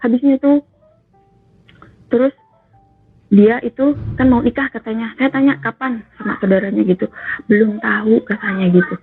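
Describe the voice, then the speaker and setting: A woman's voice: fairly high pitch, fairly even intonation, normal speed, long pauses, husky, dry recording, faint music behind. Woman telling her story on a tinny phone line. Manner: earnest, keeps addressing the host as "Kak". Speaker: caller sharing a personal story.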